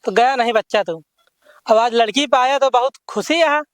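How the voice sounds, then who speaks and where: A man's voice: very high voice, moderate pace, clean tone, no echo. A man playing a meddling, conspiratorial village gossip in an amateur comedy skit, with an Awadhi accent. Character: meddling village gossip spreading an elopement rumour.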